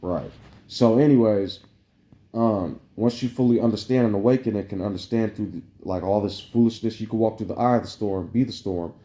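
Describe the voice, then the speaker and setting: Talking a little fast in a warm, lowish voice, a male vlogger rambles through a preachy spiritual monologue to camera, leaning heavily on "like" fillers. The recording has a roomy echo.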